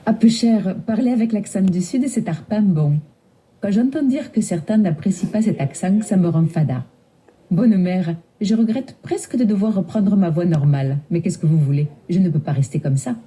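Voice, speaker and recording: A woman's voice: medium pitch, animated, moderate pace, dark tone, slightly rough. A synthetic woman's voice playing a chirpy female voice assistant with a put-on Southern French accent and playful regional slang. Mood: cheerful.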